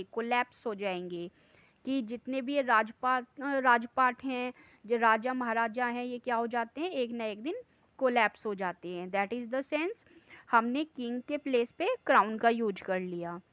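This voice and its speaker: Female tutor, measured delivery, reads examples word by word, dry and slightly lo-fi. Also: fairly high pitch, no room sound. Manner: reads English lines slowly word by word, then explains fast. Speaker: English teacher. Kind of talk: online lesson in Hindi mixed with English.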